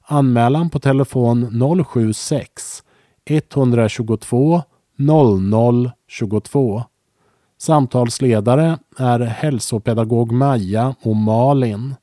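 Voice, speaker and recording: A man reads a community announcement in a calm, measured tone. His voice is very dark and mellow, recorded close and dry with no room sound. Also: mid-range voice, no echo. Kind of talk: read public service announcement.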